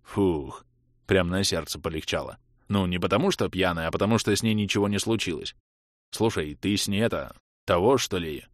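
A man voicing a rough, brash young male friend who talks in blunt slang, in an audiobook reading. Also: sits low, moderate pace, dry recording, studio quality, natural voice. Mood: casual.

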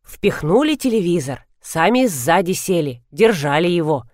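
A bold, quick-witted middle-aged woman talks her way out of trouble with brisk cheek, as a woman puts her on. Her pitch moves a lot, and the sound is dry and close. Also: very animated, a little mellow, no echo. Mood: spinning a tale.

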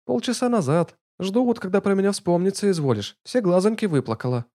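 A man putting on a sharp-tongued mocking young woman. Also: high-pitched, expressive, brisk, voice pushed up.

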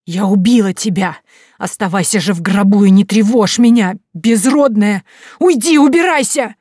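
A woman voicing a terrified young woman who screeches and shouts in panic. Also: medium pitch, a little fast, no room sound, studio quality, natural voice. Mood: panicked, hysterical.

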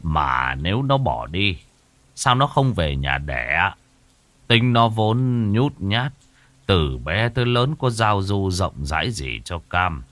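A man voicing a worried village father brooding over his missing daughter in a low, heavy way. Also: very animated, takes it slowly, a bit bright, no echo, heavily acted.

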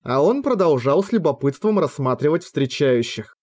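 A man narrating a fantasy novel as an audiobook in a measured storytelling manner, lightly voicing the dialogue. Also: fairly high pitch, big pitch swings, darkish tone.

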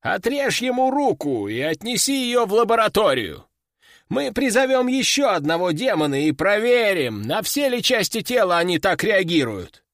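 A man's voice: high-pitched, sing-song, moderate pace, fairly bright tone, no echo, studio quality, pitched above the performer's own voice, exaggerated voice. A man voicing a pompous, bossy elderly male master sorcerer who barks out orders. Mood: commanding. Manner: commanding, barking orders.

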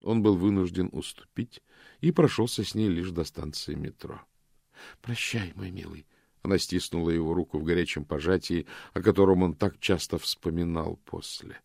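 A man narrating an audiobook in a steady, measured storytelling manner. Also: sits low, gravelly, no echo, studio quality. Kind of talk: scripted narration.

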